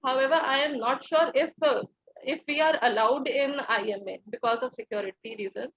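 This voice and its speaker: A young woman with an Indian accent gives formal, halting, deferential answers as a candidate in a mock interview. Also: high voice, no room sound. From Dehradun, India. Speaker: civil service interview candidate. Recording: dull, lo-fi dry audio.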